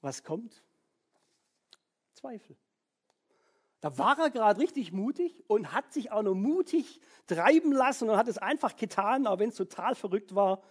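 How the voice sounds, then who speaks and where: A young man preaches with a raspy, somewhat high voice. He tells stories animatedly, leaping between loud excitement and hushed asides. He keeps asking his listeners for agreement. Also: unhurried. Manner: storytelling, jumps between high excited and low quiet delivery. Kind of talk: lively sermon with acted-out inner voices.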